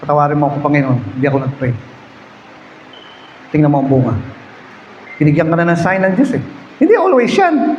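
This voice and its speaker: A high-voiced Filipino man preaches a story-driven sermon in a church hall, dropping to quiet prayer and rising to loud urging. His voice rings through a reverberant room. The recording sounds a little dull, with faint ambience behind. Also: fast talker, long pauses, a little hiss or hum. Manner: storytelling, swings between hushed prayer and loud exhortation. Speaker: pastor.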